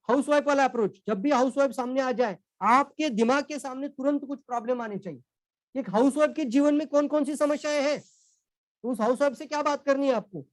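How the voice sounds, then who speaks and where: A man's voice: very high-pitched, a little mellow, dry recording, rough recording. Man coaching sales in a dry recording. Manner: coaching tone, addresses listeners as friends and sir, slips in English sales lines. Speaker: sales trainer. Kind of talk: motivational training talk.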